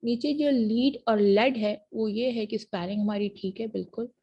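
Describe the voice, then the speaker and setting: A woman university lecturer with a Pakistani accent, explaining terms patiently and reading English definitions slowly, in a muffled lo-fi recording. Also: fairly high pitch, steady tone, warm tone, slightly rough. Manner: patient, repeats checks like "theek hai ji" after each point. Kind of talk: classroom lecture mixing Urdu and English.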